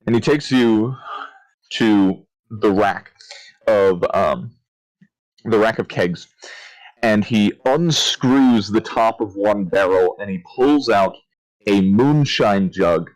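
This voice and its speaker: A man narrating a tabletop game as its game master, pausing often with fillers and self-corrections. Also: lowish voice, poor audio. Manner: hesitant, with many fillers.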